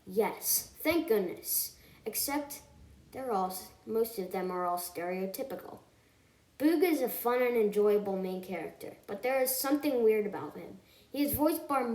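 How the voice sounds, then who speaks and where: A woman reviewing a film in a scripted voice-over. She talks earnestly and emphatically and often stops to correct herself. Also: mid-range voice. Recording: echoey room.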